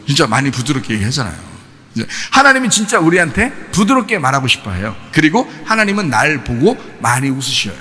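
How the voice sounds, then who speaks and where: A man preaching a sermon as pastor, animated and folksy, acting out family quarrels and dropping into casual speech. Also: on the high side, in a large hall. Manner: folksy, shifts between polite and casual speech. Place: church sanctuary.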